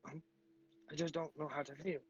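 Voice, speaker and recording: A man puts on a frightened young girl with a forced gravelly edge, high-pitched and a bit husky. She stammers and repeats herself as she tries to say what scares her. The audio is dull and lo-fi, like a streamed tabletop game. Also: level tone. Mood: uneasy. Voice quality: attempted gravelly voice. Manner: halting, repeating himself.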